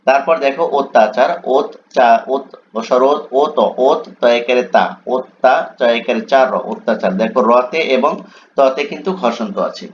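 A man's voice: mid-range voice, normal speed. A male teacher giving an exam coaching lesson. He spells out words letter by letter and keeps asking his students "right?". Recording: dull lo-fi sound with faint background noise.

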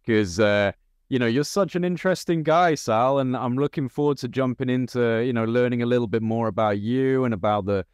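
A young man hosting a podcast interview on a video call, talking in a relaxed, friendly way with fillers. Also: medium pitch, a little fast, smooth, no room sound, studio quality. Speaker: podcast host. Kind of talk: casual interview. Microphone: studio mic on video call.

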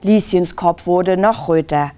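A woman reading a children's book aloud in a library, expressive and drawing her listeners in. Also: on the low side, measured pace.

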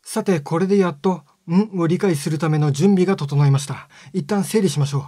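A man giving a scripted lesson on speech sounds, explaining step by step in a calm, polite way. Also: a little high, fairly quick, dry recording, studio quality. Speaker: phonetics teacher.

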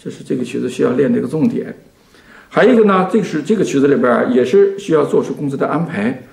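A man teaching violin, speaking slowly and patiently to a student, his sentences trailing off softly. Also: mid-range voice, lively intonation, gravelly. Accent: Mandarin Chinese. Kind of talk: explaining to a student in a lesson. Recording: echoey room with violin playing.

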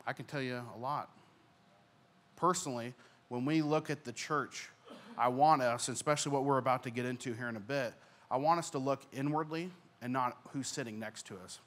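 A man's voice: medium pitch, moderate pace. Young man preaching earnestly into a handheld mic. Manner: earnest preaching, swells louder on key points, drops soft at ends. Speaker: pastor. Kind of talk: sermon. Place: church stage.

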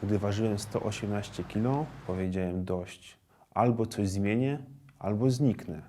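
A man telling his own story slowly and deliberately in a documentary interview. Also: fairly low pitch, warm tone, a little hiss or hum.

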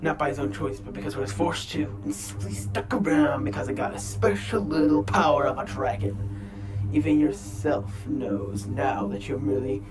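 Man acting a booming, arrogant warrior god. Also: lively intonation, moderate pace, over music, close to an everyday voice. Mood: scornful. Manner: grandiose, menacing. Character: arrogant booming newly deified Spartan warrior villain. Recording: noisy homemade recording.

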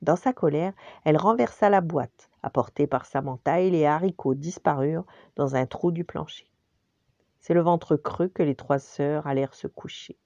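Older french-reading grandma doing bedtime stories, low mellow voice, sometimes whispery, muffled lo-fi. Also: female voice, normal speed, no room sound. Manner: gentle, expressive, dropping to whispers. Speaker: grandmother storyteller. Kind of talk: bedtime story narration.

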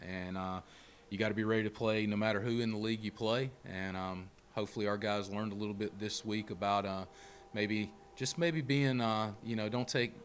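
At a postgame press conference, a middle-aged head baseball coach speaks into a handheld mic held close, in a press room before a sponsor backdrop. His low voice stays level with little rise or fall as he talks plainly and steadily with frequent fillers, over a faint room hum.

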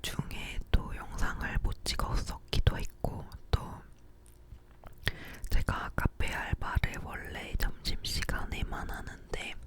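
A young woman whispering a casual ASMR chat, leaning in very close to the microphone with soft, unhurried murmuring. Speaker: ASMR video creator. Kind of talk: whispered ASMR chat about daily life. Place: living room at home. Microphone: close to the mouth, ear-to-ear.

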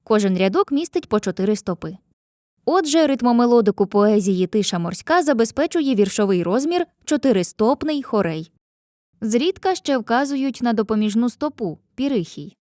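A woman narrating a scripted lesson, speaking clearly to the viewer and chanting rhymes slowly. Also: fairly high pitch, expressive, warm tone, no echo, clean studio sound. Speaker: teacher.

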